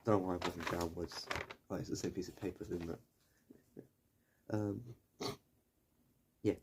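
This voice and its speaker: Low, mellow young man rambling. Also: fairly even intonation, a little slow. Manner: digressive, self-correcting, mildly profane. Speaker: video essayist. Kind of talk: rambling casual commentary. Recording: faint background noise.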